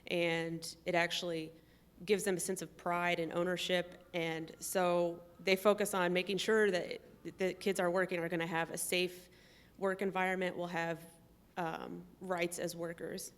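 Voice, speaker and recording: A woman in a conversational interview, explaining step by step in a measured way and pausing often with "um". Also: fairly low pitch, level tone, clean tone. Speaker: trip participant.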